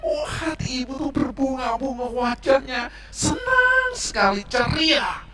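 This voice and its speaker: A man teaching Sunday school, telling a Bible story to children with animated, dramatic swings, in an echoey church hall away from the mic. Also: very high voice, unhurried, recorded from a distance, faint music behind.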